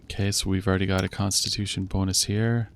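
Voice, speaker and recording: A man with a very low voice and a rough, gravelly fry narrates his video game session in casual commentary. He reads menus and dialogue aloud and thinks through each choice as he goes. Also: flat delivery, fast talker. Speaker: let's play host.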